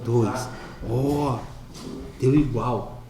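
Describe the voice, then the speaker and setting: A man's voice: mid-range voice, very slow, very noisy. A Brazilian man teaching math to a class, playful and chatty, asking students questions as he works problems. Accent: Brazilian Portuguese. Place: school classroom. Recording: echoey classroom.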